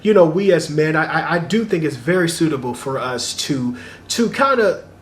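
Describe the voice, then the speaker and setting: A young man talking casually to camera in a vlog, giving dating advice in a chatty, animated way and laughing often. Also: a little high, moderate pace. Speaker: dating vlogger.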